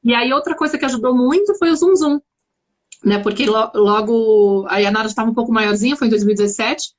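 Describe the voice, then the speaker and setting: A woman's voice: fairly high pitch, a little fast. A woman from São Paulo with a São Paulo Brazilian accent, chatting as a guest in a reflective way and often restarting her sentences. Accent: São Paulo Brazilian Portuguese. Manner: reflective, searching for words with many restarts. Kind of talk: casual conversation.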